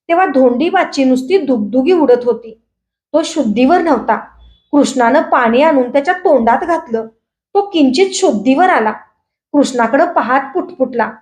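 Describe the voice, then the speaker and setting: A woman with a Marathi accent reading a short story aloud, expressive and dramatic. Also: sits high. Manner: expressive, raises voice for characters' shouted lines. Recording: roomy echo.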